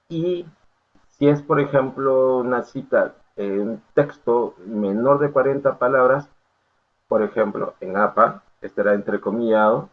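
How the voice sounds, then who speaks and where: A man giving an academic lecture, explaining step by step and often checking in with his students. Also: on the low side. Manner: explanatory, full of checking questions and fillers. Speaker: university lecturer. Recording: tinny phone-like audio.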